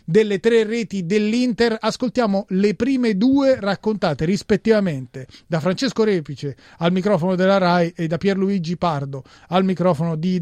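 High-voiced male sports presenter. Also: a little mellow, no echo. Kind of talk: football news round-up.

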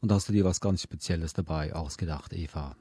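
A man's voice: low-pitched, fast talker, mellow, husky, no room sound. A man hosting a podcast on children's books, introducing segments and chatting with his co-host. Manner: conversational, presenting.

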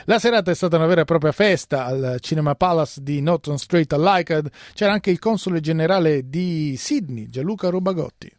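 A man presenting a radio program in from a studio, reading in a measured, scripted way. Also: on the high side, no echo. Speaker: radio host. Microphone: studio mic.

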